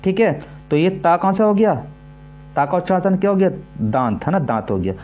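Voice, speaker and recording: Man, fairly high voice, exam tutor, repetitive, syllable drills, dull lo-fi sound, faint music. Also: lively intonation. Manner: repetitive, keeps asking "है ना" and "ठीक है"; sounds out syllables slowly to demonstrate. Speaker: teacher. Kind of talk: exam-prep lesson.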